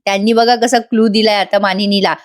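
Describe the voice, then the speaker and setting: A woman's voice: mid-range voice, little pitch movement, brisk. A woman doing a chatty voice-over review of a TV serial episode, talking straight to her viewers. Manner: chatty, addresses viewers directly.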